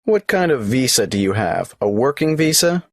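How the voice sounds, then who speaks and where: A man's voice: medium pitch, very animated, moderate pace, dry recording, studio quality. An actor playing a polite, businesslike male tax office clerk who asks questions in a scripted exam dialogue.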